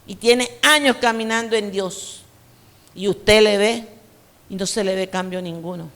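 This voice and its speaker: A woman's voice: medium pitch, measured pace, a bit bright. A woman preacher from Colombia with a coastal Colombian accent, giving an emphatic, conversational sermon full of personal stories. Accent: Colombian Caribbean coast. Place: church hall. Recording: reverberant church hall.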